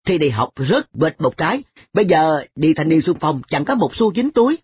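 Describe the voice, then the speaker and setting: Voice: medium pitch, sing-song, moderate pace, lo-fi sound, a little hiss or hum, voice pushed up, close to an everyday voice. A reader voicing a carefree, cheeky schoolboy who talks in an offhand, shrugging way in a story reading. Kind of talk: audiobook dialogue.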